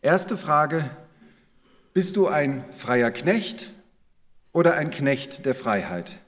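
Preacher with a lively voice in a ringing church. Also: male voice, a little high, slow pace, big-room sound. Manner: clear, structured, posing questions to listeners. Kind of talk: sermon.

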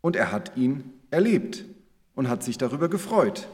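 Jesus as an earnest, steady male teacher, read by a preacher, his voice moving with a lively melody and carried on the long reverb of a church hall. The delivery is measured and unhurried, a reading of scripture. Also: medium pitch, natural voice.

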